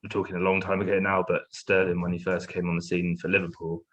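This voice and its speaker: Deep-voiced man, chatty guest. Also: fast, muffled recording. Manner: relaxed, chatty, slangy. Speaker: podcast guest. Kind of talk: casual podcast chat.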